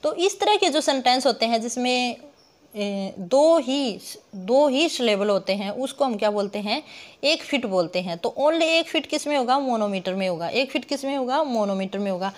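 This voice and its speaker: Young woman teacher, slightly high-pitched, patient explainer who poses her own questions and breaks words into sounds. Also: lively intonation, normal speed. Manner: rhetorical questions she answers herself, addresses viewers as guys. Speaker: literature teacher. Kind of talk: online lesson explaining poetic meter.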